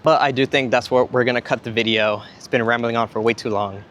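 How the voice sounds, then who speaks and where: A man's voice: mid-range voice, steady tone, fast, a bit bright, slight background noise. A young man vlogging outdoors at a theme park, rambling with enthusiasm, repeating himself and a bit out of breath. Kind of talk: casual rambling vlog talk. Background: music from nearby.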